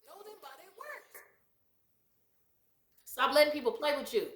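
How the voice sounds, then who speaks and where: A woman's voice: high voice, very animated, measured pace, roomy sound. A woman giving blunt life advice in a casual, emphatic and preachy monologue, laughing often.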